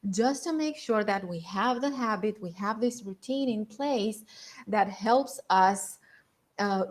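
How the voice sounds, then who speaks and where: A woman's voice: mid-range voice, a little mellow. A woman giving an instructional lesson as a voice and public-speaking coach, explaining with emphasis on key words.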